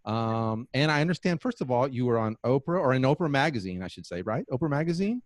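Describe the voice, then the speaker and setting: Male podcast host, playful and chatty, mid pitch, dry close sound. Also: animated, fast, dry recording. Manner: playful, jokey, asks many questions. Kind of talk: casual interview chat.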